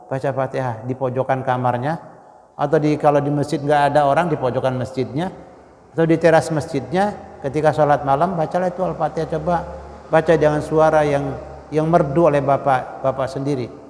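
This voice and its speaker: A man preaching a dawn Ramadan sermon, swinging from loud exclamations to hushed prayers and chanting verses slowly. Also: a little high, steady tone, long reverb tail. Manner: emotional, swings between loud exclamations and near-whispered prayers; chants Quranic verses slowly in melodic recitation. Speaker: Islamic scholar.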